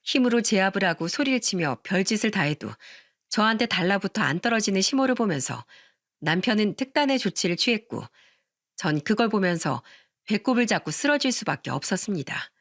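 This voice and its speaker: A woman's voice: medium pitch, brisk, no echo. Woman narrating a radio story, dry sound. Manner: steady, expressive storytelling.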